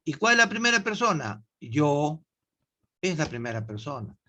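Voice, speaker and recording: A man teaching English in to an online class, with a slow, patient way of explaining and frequent questions to his students. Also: a little high, very animated, bright, forceful tone.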